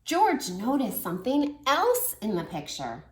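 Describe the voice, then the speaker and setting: Her voice is a little high and a little slow as she, a woman in her thirties, shares a picture book with toddlers and stops to ask them questions. A teacher and story reader for children, she sounds warm and animated, recorded in an echoey room.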